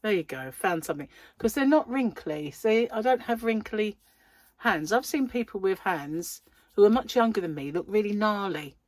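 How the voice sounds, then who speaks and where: A middle-aged woman from the United Kingdom hosts a crochet channel, chatting casually to camera with a wheezy breath, laughing readily and poking fun at herself. Her mid-range voice has lively intonation and a darkish tone, with no echo.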